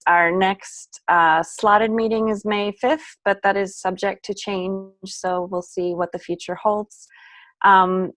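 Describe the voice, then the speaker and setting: A woman's voice: mid-range voice, dry recording. A woman council member giving a friendly, chatty report over a video call. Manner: friendly, light laughs between remarks.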